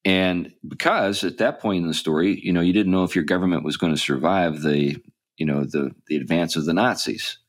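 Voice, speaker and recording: A man's voice: low-pitched, a little fast. A man hosting a podcast, talking casually and rambling with many ums and restarts. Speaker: podcast host. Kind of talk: casual chat.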